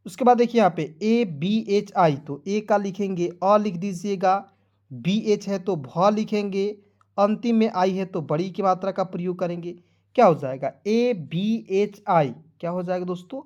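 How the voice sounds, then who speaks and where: A man teaching an online lesson, spelling letters out slowly, drilling each word and calling his listeners "friends" again and again. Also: sits high, a little mellow, dull audio.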